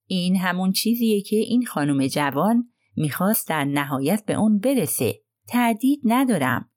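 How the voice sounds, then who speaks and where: A woman's voice: mid-range voice, very animated, darkish tone, dry recording, studio quality. A woman voicing a prim, self-righteous older housekeeper who complains indignantly, in an audiobook.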